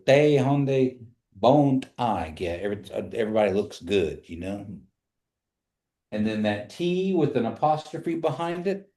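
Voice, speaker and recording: A man teaching a language lesson, modeling words and sounds slowly with exaggerated emphasis as he explains pronunciation. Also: on the low side, darkish tone. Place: indoor classroom. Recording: echoey room.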